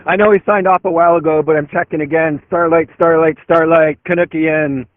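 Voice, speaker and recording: A man's voice: fairly high pitch, fairly quick, no room sound. Man, trucker CB radio chatter, tinny radio transmission, thin phone-like sound, dry. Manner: relaxed, calls out handles over the channel. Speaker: convoy participant on the radio channel.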